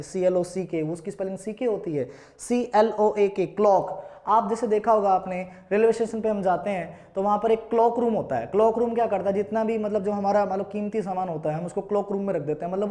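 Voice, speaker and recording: A man with an Indian accent and a high, dark-toned voice teaches English vocabulary in a classroom-style online lesson. He asks the same question over and over, spells words letter by letter, and drills them with repeated call-and-answer questions.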